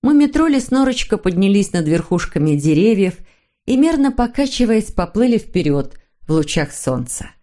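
A woman narrating a children's storybook in an expressive, melodic way. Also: medium pitch, moderate pace. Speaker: audiobook narrator.

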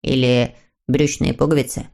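A gentle young Moomintroll from a storybook, put on by a woman reading aloud. He speaks low and softly and comforts his friend. His tone stays kind and helpful. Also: level tone, normal speed, vocal fry. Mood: thoughtful. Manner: soft and reassuring. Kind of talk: audiobook reading.

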